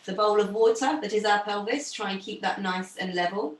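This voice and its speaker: A young woman teaching a pilates class over a video call, giving gentle, encouraging cues. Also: mid-range voice, a little fast, recorded from a distance, slight background noise. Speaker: pilates instructor. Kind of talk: guided exercise class instruction. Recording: roomy sound from off the mic.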